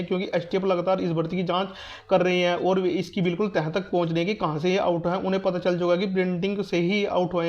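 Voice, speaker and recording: This man's voice sits high and has a darkish tone. An exam news and guidance YouTuber, he offers students a casual exam update and repeats himself to reassure them and give instructions. The audio is dull and muffled, with a lo-fi quality.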